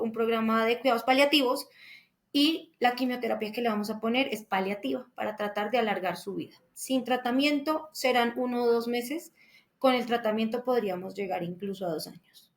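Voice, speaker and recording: Emotional woman telling a family story. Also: fairly high pitch. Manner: emotional, faith-filled storytelling with frequent restarts. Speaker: daughter telling her father's story. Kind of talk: personal testimony.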